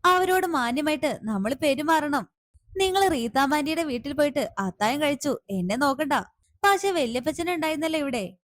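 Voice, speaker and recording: A woman voicing a patient young woman who reasons and pleads calmly but firmly. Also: high-pitched, normal speed, dry recording, studio quality. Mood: gently scolding. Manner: calm, gently reasoning and pleading. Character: patient young woman, calm and gently firm. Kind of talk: serial recap with acted dialogue.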